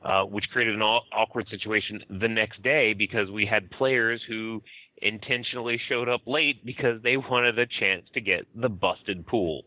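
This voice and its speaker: A man's voice: lowish voice, moderate pace, dry recording. A man co-hosting a podcast, explaining at length in casual chat with restarts and fillers. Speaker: podcast co-host. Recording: tinny phone-like dry sound.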